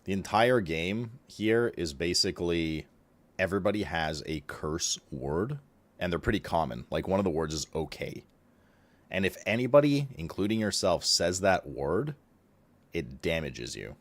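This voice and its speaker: A man's voice: low voice, sing-song, normal speed, no echo. A man streaming, chatting casually about a game, swearing freely and laughing often.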